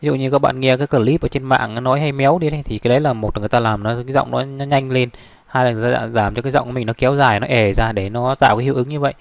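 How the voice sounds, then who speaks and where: A man walks through a software tutorial at his desk, talking fast in a gravelly, creaky voice. His delivery rambles along with fillers and restarts, and the recording sounds close and dry. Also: medium pitch, fairly even intonation, dry recording.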